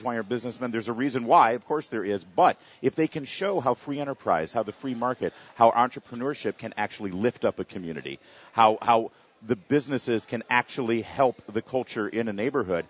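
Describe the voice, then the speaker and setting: A man on a political panel, pressing his point with rapid, repeated questions. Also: medium pitch, husky. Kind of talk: panel discussion. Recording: dull lo-fi sound.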